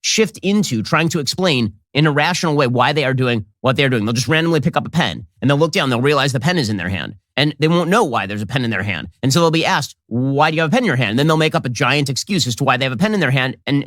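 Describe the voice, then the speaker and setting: A man as a political commentator delivering a quick, sarcastic monologue into a close mic. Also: mid-range voice, a bit bright, dry recording.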